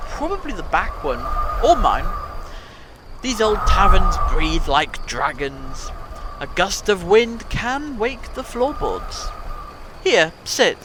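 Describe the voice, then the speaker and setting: Over clearly noisy ambience, a man acts out a high-voiced male time traveller from an audio drama. He is witty and whimsical. He reassures with breezy, wry logic and a theatrical turn of phrase. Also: big pitch swings, takes it slowly, full character voice. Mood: wry, logical. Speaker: amateur audio drama actor. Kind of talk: fan audio drama acting.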